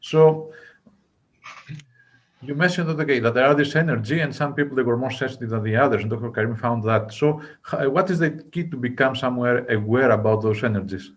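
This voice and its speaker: A male interviewer with a voice of middling pitch speaks English as a non-native language. He is conversational and a little tentative, rephrasing as he sums up and puts questions. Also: brisk. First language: not English.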